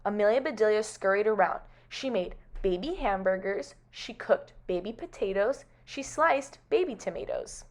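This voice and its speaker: A woman's voice: mid-range voice, lively intonation, moderate pace, hardly any pauses. A woman student reading a picture book aloud, then enthusiastically reflecting on it for a book report. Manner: upbeat and enthusiastic.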